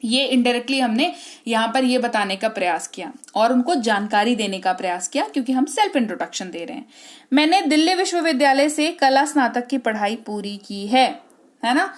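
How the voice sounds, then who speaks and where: A woman with an Indian accent teaching a spoken English lesson, explaining in Hindi mixed with English and often checking in with her listeners. She slows right down whenever she models an English sentence. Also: a little high, lively intonation.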